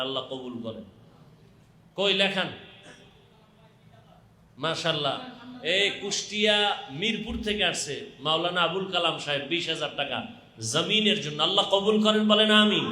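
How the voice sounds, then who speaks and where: Casting: Bangladeshi male preacher, high-pitched and piercing, running a donation appeal with repeated urging and blessings, echoey PA. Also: sharp tone. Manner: urging, repetitive calls to the crowd. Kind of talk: live religious fundraising appeal, calling out donations with short blessings. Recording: echoing public-address sound.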